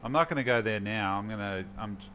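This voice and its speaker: A man's voice: fairly low pitch, quick pace, pushed and bright, slight background noise. A man hosting casual gameplay commentary, musing and thinking aloud as he plays. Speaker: host.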